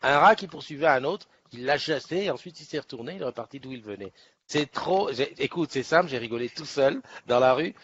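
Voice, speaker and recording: A man's voice: mid-range voice, a bit bright. A man hosting a morning live stream, chatting casually and rambling, with many restarts and laughs. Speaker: host of a morning live show. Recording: dull lo-fi live stream audio.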